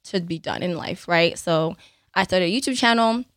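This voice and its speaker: Podcast guest: young woman from Cameroon, lowish pitch, lively and laughing, close dry studio sound. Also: normal speed, dry recording. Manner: animated, laughs often, tag questions. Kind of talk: podcast interview, telling her story.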